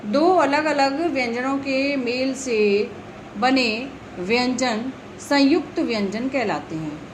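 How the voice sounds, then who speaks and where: A woman teacher talks young pupils through a grammar lesson in a slow, patient way. Her voice sits a little high, and she repeats each letter and example word with care. Faint background noise runs under the recording. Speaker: primary school teacher. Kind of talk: explaining Hindi grammar to young children.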